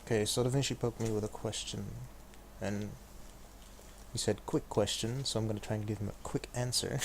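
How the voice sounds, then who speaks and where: A man with a lowish, fairly flat voice talks fairly quickly while hosting a live game stream, chatting casually with viewers and narrating his moves. Background noise is clearly audible in the recording.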